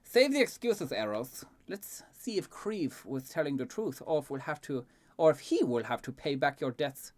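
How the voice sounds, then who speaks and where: Impatient male circus boss for tabletop role-play, played by a man: raised pitch, brusque, commanding, mocking. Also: very animated, normal speed, a little mellow.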